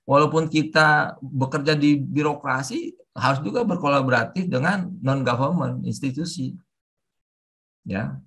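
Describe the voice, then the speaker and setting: A middle-aged man giving a webinar lecture with forceful, emphatic intonation, mixing in English terms. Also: medium pitch, measured pace, slightly rough. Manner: mixes English terms into talk. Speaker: civil service trainer. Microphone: online webinar audio.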